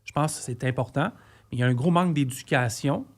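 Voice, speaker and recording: A man's voice: medium pitch, quick pace. A man in his forties with a Québécois accent speaks in a mid-range voice, sharing his view as a truck driver. He talks in earnest and rambles, often restarting his sentences in loose podcast chat. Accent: Québécois French. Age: 40s. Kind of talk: casual podcast discussion.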